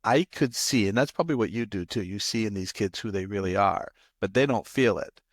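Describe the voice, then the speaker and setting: Low-voiced man telling a story. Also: fairly quick, no room sound, studio quality. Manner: storytelling, explanatory. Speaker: podcast host. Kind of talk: casual podcast conversation.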